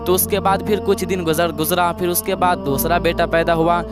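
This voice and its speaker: A male preacher tells a moral story from the pulpit in a slightly high voice. He moves through it plainly and circles back on the same phrases to stress them. Clear background music plays under him. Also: flat delivery, normal speed. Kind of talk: religious storytelling sermon.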